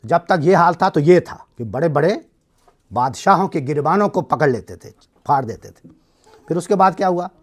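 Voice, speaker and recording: A man's voice: fairly high pitch, lively intonation. A middle-aged man with a Pakistani accent teaching a class, explaining step by step and checking that his students follow. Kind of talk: classroom lecture.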